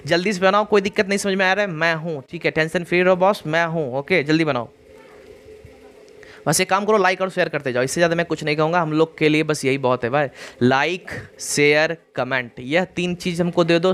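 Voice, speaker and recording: A man teaching an online exam-prep reasoning lesson, repeating points and checking understanding with "clear?". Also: fairly high pitch, a bit bright.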